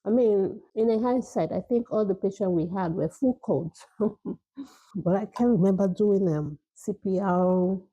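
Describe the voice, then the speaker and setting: A woman's voice: mid-range voice, a little slow, warm tone, husky, dry recording, low-quality recording. A middle-aged Nigerian woman, an emergency nurse, chatting casually to her vlog viewers while she eats, often laughing and restarting her sentences. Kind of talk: casual chat while eating.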